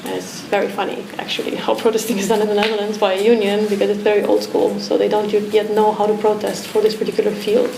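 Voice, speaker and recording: A monotone, quick delivery with vocal fry and few pauses comes from a medium-pitched Romanian woman, an artist guest in a talk at an art academy pavilion. She speaks reflectively, stumbling into restarts and fillers, in an echoey space with noise behind her.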